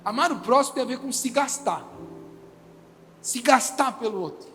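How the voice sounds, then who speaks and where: A male pastor preaching a lively sermon to his church, acting out the people he quotes. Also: very high-pitched, moderate pace, slight background noise. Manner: animated, acts out quoted people in small voices. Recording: reverberant church hall with faint music.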